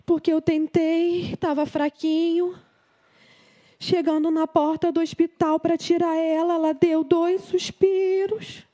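Brazilian woman, grieving mother, high mellow voice, halting and repetitive, near tears. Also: little pitch movement. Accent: Brazilian Portuguese. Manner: halting, repeats phrases over and over. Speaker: mother giving testimony. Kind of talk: emotional personal testimony.

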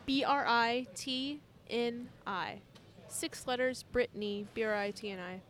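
A young woman in her twenties with a slightly high voice, chatting casually as a convention guest. She tells stories with playful, deadpan jokes and an easy laugh. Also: a little slow. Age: 20s. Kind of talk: casual chat.

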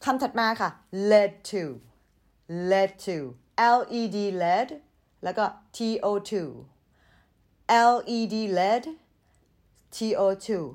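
Slow, patient Thai woman teaching English words. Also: mid-range voice, a little mellow. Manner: patient and deliberate, repeats words and spells them aloud. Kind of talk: vocabulary lesson, spelling words letter by letter.

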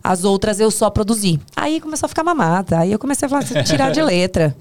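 A woman's voice: medium pitch, quick pace. Brazilian woman telling stories, hyperbolic and chatty. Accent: Brazilian Portuguese. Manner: animated, hyperbolic, self-interrupting storyteller. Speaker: podcast guest, tour producer. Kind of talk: casual storytelling in conversation.

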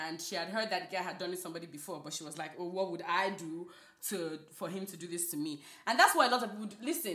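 A young woman from Nigeria co-hosting a podcast, chatting casually, animated and laughing, with lots of "like" fillers. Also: on the low side, echoey room. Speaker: podcast co-host. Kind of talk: casual chat.

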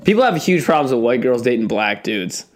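A young man in casual podcast chat, teasing his friend with quick questions and laughing often. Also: mid-range voice, very animated.

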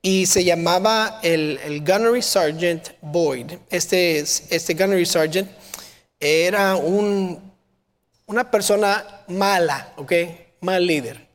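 Male preacher with a high voice, preaching in a large hall with a long reverb, asking his listeners questions. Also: slow. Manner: rhetorical questions to the audience; shouting impressions of a drill sergeant. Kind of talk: sermon.

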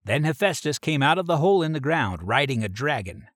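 A man's voice: fairly high pitch, sing-song, brisk, fairly bright tone, no room sound, clean studio sound. A man reading an adventure story aloud in a plain storybook manner.

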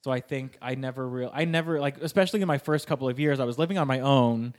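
With a quick, mid-range voice and a somewhat dark tone, a young Sacramento, California, man guests on a laid-back podcast. An improv performer and writer, he spins wandering anecdotes packed with "like."

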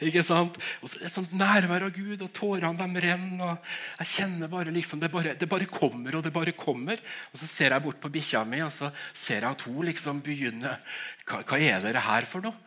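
Middle-aged male preacher, bright forceful tone, emotional testimony, halting restarts. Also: a little high. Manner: emotional storytelling, stammering restarts, frequent laughs. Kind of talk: sermon with personal testimony.

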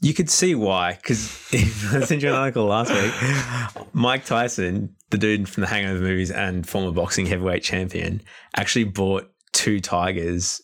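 A man with a low, deep voice co-hosts a casual podcast. He chimes in often with jokey quips and side comments. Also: steady tone, normal speed, fairly bright tone. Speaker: podcast co-host. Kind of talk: casual chat.

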